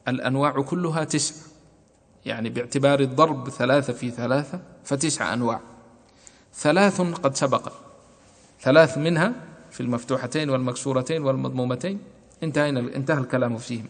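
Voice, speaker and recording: A man's voice: mid-range voice, quick pace. A man teaching a classroom lesson on Quran recitation rules, methodically repeating points and asking and answering his own questions. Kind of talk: classroom lesson explaining verse. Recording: long hall reverb.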